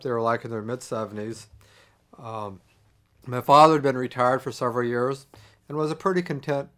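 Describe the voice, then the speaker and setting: A middle-aged man telling a personal family story in a reflective, conversational way, pausing and restarting as he goes. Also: medium pitch, fairly bright tone.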